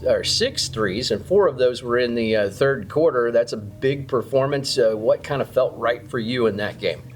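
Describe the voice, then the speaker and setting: A man's voice: mid-range voice, normal speed. A man hosting a local sports talk show, interviewing coaches and players in an easygoing way with lots of fillers. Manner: easygoing, many fillers and restarts. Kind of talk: casual interview.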